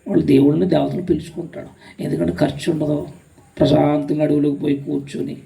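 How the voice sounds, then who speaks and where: High gravelly-voiced man preaching emphatically. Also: warm tone, recorded from a distance. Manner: emphatic preaching with rhetorical questions and repeated phrases. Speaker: pastor. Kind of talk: sermon.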